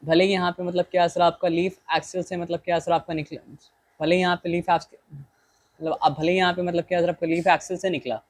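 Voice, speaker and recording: A man teaching a biology lesson in Hindi mixed with English, often asking rhetorical questions and reading English lines slowly. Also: sits high, little pitch movement, dry recording, rough recording.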